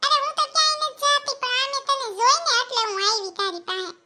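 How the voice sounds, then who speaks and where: A woman voicing a very high-pitched gossipy cartoon housewife. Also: animated, bright, forceful tone, heavily acted. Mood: prying. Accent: Kathiawadi Gujarati. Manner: chatty, boastful, quick-tongued. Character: gossipy village housewife who lends money.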